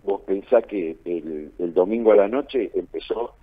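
A man with an Argentine accent offers political analysis in a radio interview, repeating phrases for emphasis. His voice sits low and is slightly rough, and he speaks a little slowly. The line is narrow, phone-like, and muffled.

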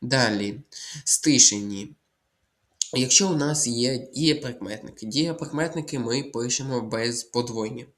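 Male tutor, mid-pitched, deliberate and repetitive, for an exam walkthrough lesson that drills listeners on rules. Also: fairly bright tone. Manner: slow, deliberate, repeats words and spells out letters; instructive, tells listeners to memorize rules. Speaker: Ukrainian language tutor.

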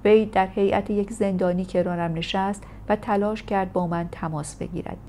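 A woman narrating a first-person memoir in a steady, measured audiobook reading. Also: medium pitch, a little hiss or hum. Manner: steady, measured storytelling delivery.

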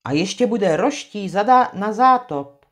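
Storybook reading: woman playing a deferential old-style gamekeeper, slow and polite. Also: medium pitch, lively intonation, close to an everyday voice. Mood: humble.

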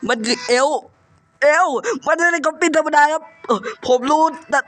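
Young male gamer, very high and bright, nasal with a cold, loud foul-mouthed horror-game commentary with music behind. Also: steady tone, brisk. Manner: loud, swearing constantly, yelling at ghosts. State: runny nose, has a cold. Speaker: gaming YouTuber playing a horror game. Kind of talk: profane live gameplay commentary.

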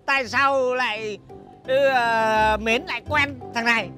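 A man's voice: extremely high pitch, fairly even intonation, a little slow, bright, forceful tone, soft background music, exaggerated voice. A man playing a grumbling middle-aged motorbike-taxi driver who wails complaints and curses.

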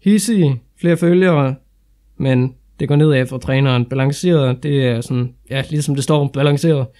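A young Danish man commenting on his own football game playthrough, excitable and casual, shouting at big moments. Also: medium pitch. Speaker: gaming YouTuber. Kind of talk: excited let's-play commentary.

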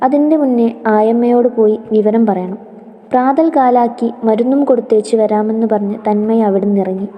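A woman storyteller narrating a story in a steady, tender manner. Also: a little high, long reverb tail.

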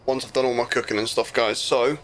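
A man's voice: medium pitch, level tone, brisk, fairly bright tone, slight background noise. A young man chatting casually and rambling through a driving game while hosting friends. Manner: rambling, easygoing, swears casually. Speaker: gaming channel host. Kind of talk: casual gameplay chat with friends. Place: home room at a desk.

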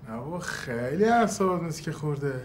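A prying, aimless neighbor, played by an actor, grumbles about his troubles and pokes into others' business. His voice is unusually high for a man. It is a TV comedy role. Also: expressive, slight background noise, close to an everyday voice. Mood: nosy. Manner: prying, complaining. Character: nosy, aimless man looking for a classy job. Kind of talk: sitcom acting.

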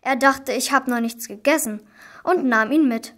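Reading storybook narration from a script, a young girl of primary-school age speaks at a moderate pace in a high-pitched, somewhat bright voice. The amateur recording is plainly noisy and has clicks.

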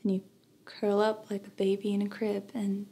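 A young woman acting a dramatic monologue as a grieving daughter, with a sorrowful, measured delivery and hushed phrase endings. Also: medium pitch, completely flat delivery, breathy edge. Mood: quiet sorrow. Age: young adult. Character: grieving daughter recalling her dead father, wistful and sorrowful. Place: plain studio, indoors.

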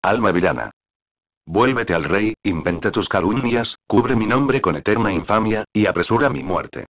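A man reading the part of a defiant young imprisoned queen in a play, in slow verse. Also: fairly low pitch, lively intonation.

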